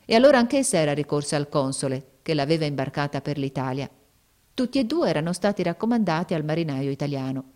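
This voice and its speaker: A woman narrating a story aloud in a steady, measured reading. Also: low-pitched.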